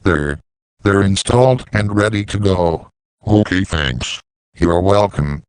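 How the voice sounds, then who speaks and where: A man voicing scripted dialogue for an animated story about talking machines. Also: deep voice, slow, clear, resonant tone, no room sound. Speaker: voice of talking siren characters.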